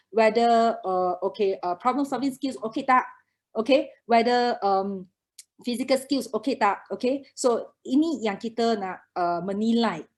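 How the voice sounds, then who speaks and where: A woman's voice: medium pitch, darkish tone. A woman with a Malaysian accent giving an informal conference talk as a preschool educator, mixing Malay with English and punctuating her points with short checking words. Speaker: guest speaker, preschool educator.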